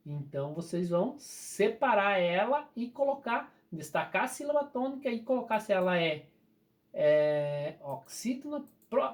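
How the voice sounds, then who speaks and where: Brazilian accent, teacher, patient explaining, slowly stretched key words, animated pitch. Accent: Brazilian Portuguese. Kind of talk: recorded remote grammar lesson.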